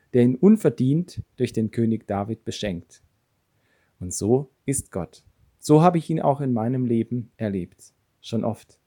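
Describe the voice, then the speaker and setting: A man reads a Bible passage aloud and then comments on it in an earnest, storytelling way. His voice is mellow and warm, with a slightly husky edge, at a medium pitch. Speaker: preacher. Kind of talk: devotional Bible reading and reflection.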